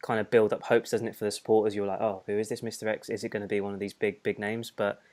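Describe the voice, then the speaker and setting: A man with a fairly low voice co-hosts a relaxed fan podcast. He chats loosely and breaks into laughter now and then while reading out comments from listeners. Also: fast talker. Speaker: podcast co-host. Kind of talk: casual fan podcast chat.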